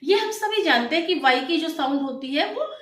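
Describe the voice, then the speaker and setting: A woman's voice: high voice, expressive, moderate pace, fairly bright tone. A woman from India teaching an English phonics lesson for children, explaining patiently and switching between Hindi and English. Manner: mixes Hindi with English, addresses viewers as children. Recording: echoey room.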